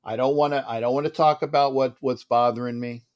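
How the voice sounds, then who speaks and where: The recording is muffled as a man with a medium-pitched, fairly even voice hosts a live sports talk stream. Sounding upset and subdued, he speaks softly, stutters and restarts often, and trails off into pauses.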